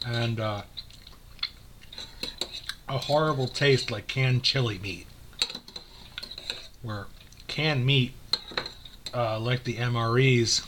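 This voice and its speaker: A man talking casually to his camera while eating, frank and rambling, with many pauses and fillers. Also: medium pitch, background noise. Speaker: vlogger. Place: home room.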